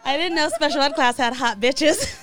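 A woman's voice: high-pitched, normal speed, fairly bright tone. A woman with a Californian accent and valley girl way of talking, hosting with casual, crude banter. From California, United States. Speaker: host of a live call-in show. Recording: music playing behind the voice. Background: mood music.

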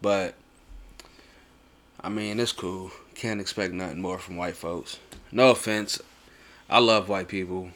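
A man's voice: deep voice, steady tone, unhurried, long pauses, fairly bright tone. A young American man chatting casually in a slangy, swearing, bro-heavy way, like a host talking with a friend. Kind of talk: casual chat.

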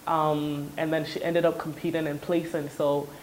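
A young woman from Ghana, raised in the States, telling her story as an entrepreneur in a relaxed, chatty interview with fillers. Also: low voice, normal speed, a little hiss or hum, rough recording. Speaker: entrepreneur guest. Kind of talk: interview conversation.

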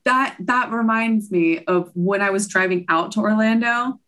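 A woman guest on a podcast, medium-pitched and unhurried, tells animated road trip stories in a casual conversation. She giggles throughout and repeats things she herself said.

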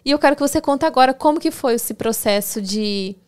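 A woman's voice: high-pitched, brisk, darkish tone, clear, resonant tone. A woman podcast host asking her guest a question in a conversational, encouraging way. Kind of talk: interview questions.

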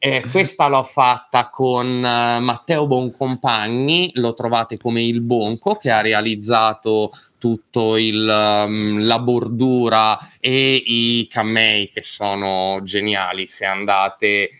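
A man's voice: medium pitch, steady tone, slow, few pauses, pushed and bright, clear, resonant tone. A man appearing as a podcast guest, a calligrapher who tells stories in a playful, jokey way and laughs often. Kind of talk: casual podcast chat.

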